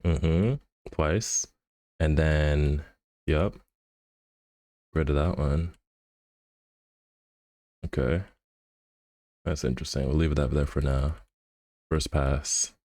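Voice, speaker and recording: A man's voice: extremely low pitch, steady tone, slow, long pauses, mellow, dry recording, studio quality. A man streaming live, thinking aloud and muttering to himself as he edits an animation in a casual, laid-back way. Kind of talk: casual livestream commentary while animating.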